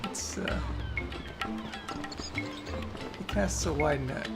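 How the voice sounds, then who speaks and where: A man's voice: fairly high pitch, drawn-out words, vocal fry. A young man casually commenting while he plays a video game, reminiscing and losing his train of thought. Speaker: let's play host. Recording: loud game music behind.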